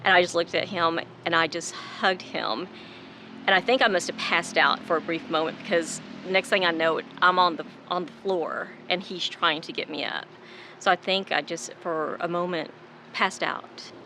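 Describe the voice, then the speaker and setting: A woman speaking in an interview, her voice low-set yet bright and forceful. She relives a painful night in vivid detail, emotion rising through her words. A faint background hum sits under the recording. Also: fairly even intonation, moderate pace. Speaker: daughter of a victim. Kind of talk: interview recollection.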